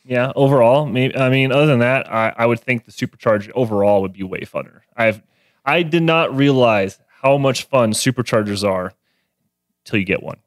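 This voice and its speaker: A young man with a mid-range voice speaks at normal speed as a guest mechanic and car tuner on a casual car podcast. He's on a close studio mic on a boom arm in a small garage-styled podcast studio, and the sound is dry with no room noise.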